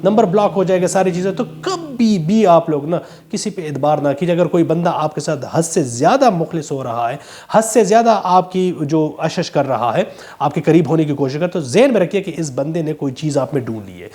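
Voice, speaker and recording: Emphatic high-voiced motivational speaker man. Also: animated, mellow. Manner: emphatic, preachy, calls listeners "brother". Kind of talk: motivational talk to viewers.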